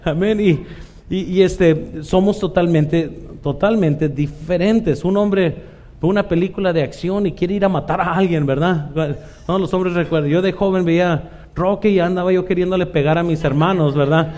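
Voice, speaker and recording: A middle-aged Mexican pastor delivers a chatty sermon. His voice sits a little high for a man but sounds dark and mellow. He keeps checking in with his listeners. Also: moderate pace. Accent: Mexican Spanish. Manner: conversational preaching, frequent "¿verdad?" asides, acts out quoted voices.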